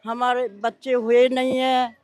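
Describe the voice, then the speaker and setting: A woman, answering a reporter's questions in halting, rambling sentences. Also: fairly high pitch, monotone, a little mellow, no room sound. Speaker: interviewee, devotee. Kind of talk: field interview answers.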